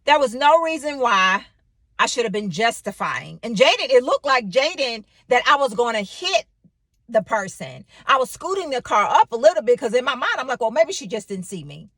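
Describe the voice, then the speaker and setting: A woman in her thirties giving an animated devotional talk, telling a personal story with sudden exclamations. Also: fairly high pitch, normal speed, no room sound. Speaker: faith vlogger.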